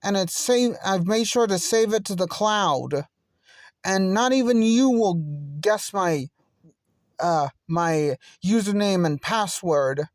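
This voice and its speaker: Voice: mid-range voice, takes it slowly, no echo, studio quality, close to an everyday voice. A fan voice actor voicing an earnest teenage boy who wants to be a hero and stubbornly threatens to tell on a bully. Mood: determined. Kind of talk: fan voice acting.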